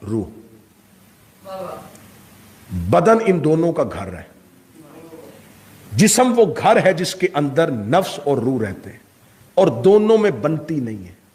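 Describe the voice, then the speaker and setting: Man, middle-aged, preaching, fervent, questions thrown at the crowd, raised pitch. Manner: impassioned orator, rhetorical questions to the audience. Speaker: Shia cleric giving a majlis. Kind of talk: sermon.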